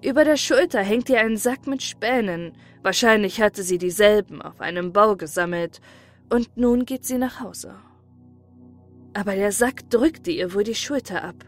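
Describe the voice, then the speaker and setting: Calm woman reading an audiobook. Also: mid-range voice, a little slow, faint music behind. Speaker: narrator. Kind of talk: audiobook narration of a classic story.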